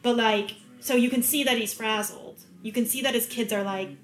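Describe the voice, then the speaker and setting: A woman with a somewhat high voice chats casually on a podcast. She is animated and keeps correcting herself. The room is echoey, with faint music underneath. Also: normal speed. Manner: chatty, self-correcting, animated. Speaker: podcast guest. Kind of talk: casual chat. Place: dining room table.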